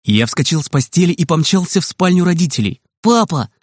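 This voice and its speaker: Man narrating a children's story, slightly high voice, lively telling, dry close sound. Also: quick pace, dry recording.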